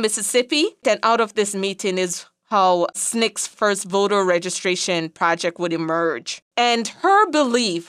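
Explaining her subject in a relaxed, conversational lecture, a Jamaican-accented woman keeps checking in with listeners, tossing in "right?" and "you know." Her medium-pitched voice is fairly bright and clean, recorded at studio quality with no echo.

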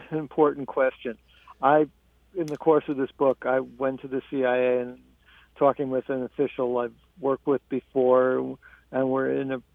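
A man's gravelly voice comes through a tinny phone line, dry and close. He is an author answering interview questions, measured and halting, often restarting his sentences. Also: mid-range voice, no room sound. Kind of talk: radio interview.

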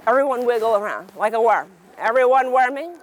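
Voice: medium pitch, animated, fairly quick. A drag queen reading to preschoolers in a sassy, campy, theatrical way, tossing exclamations and questions out to the listeners. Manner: theatrical, exclamatory, prompts the audience to call back. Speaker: storytime reader and performer for preschoolers. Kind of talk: animated children's read-aloud with audience questions.

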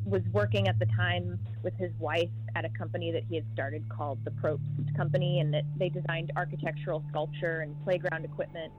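A woman's voice: on the low side, steady tone, brisk, few pauses, phone-quality sound, soft background music. A woman co-hosting a podcast, explaining in an easygoing narrative way. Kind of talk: casual narration.

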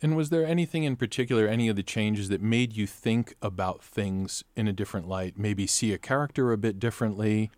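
A man's voice: fairly low pitch, a little fast, few pauses, a little mellow, dry recording. A man interviewing a playwright, asking thoughtful, layered questions at length. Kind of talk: interview conversation.

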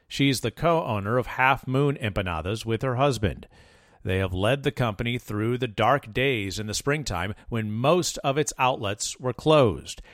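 A man, a radio reporter, reading a scripted news piece in a measured, even way. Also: lowish voice, no echo, studio quality.

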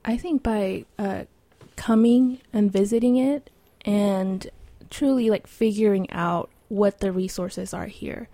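A woman's voice: mid-range voice, takes it slowly, warm tone, dry recording. A young woman in her twenties, a student guest in an interview, speaking sincerely and thoughtfully.

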